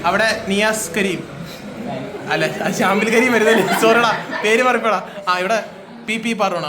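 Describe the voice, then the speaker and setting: Young male vlogger, high voice, teasing host of a group trip; busy crowd chatter behind. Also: moderate pace. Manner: teasing, chatty, introducing friends to camera. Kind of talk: casual travel vlog with friends. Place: among a group on a road trip, by a bus. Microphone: handheld camera.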